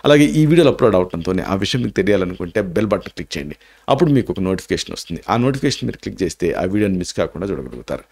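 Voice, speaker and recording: A man with a Telugu accent gives health advice as an Ayurvedic doctor, his voice sitting fairly low. He explains each remedy step by step, drops in English terms and pauses on filler sounds as he thinks. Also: very animated, a little mellow, breathy edge. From India. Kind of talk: health advice talk to camera.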